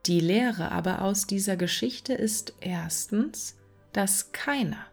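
Woman narrator, fairy tale reading, slow, soft half-whisper, faint music behind. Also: medium pitch, gravelly.

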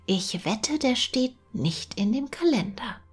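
A small, timid, naive mouse from a storybook, as a woman reading aloud puts her on, high-pitched and wondering, slow and often half-whispered. Faint music runs underneath. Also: expressive, breathy edge, heavily acted. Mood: puzzled.

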